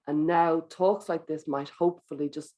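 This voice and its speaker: A speaker giving a wellbeing talk to teachers in a gentle, coaching manner, guiding breathing exercises and acting out inner thoughts. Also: mid-range voice, fairly even intonation, moderate pace. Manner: acts out inner thoughts in quoted voices.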